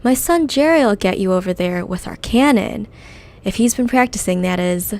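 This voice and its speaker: A woman voicing a loud, excitable, greedy male goblin explosives man, reading quest text aloud in character. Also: mid-range voice, lightly acted. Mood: eager. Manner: brash, fast-talking, greedy.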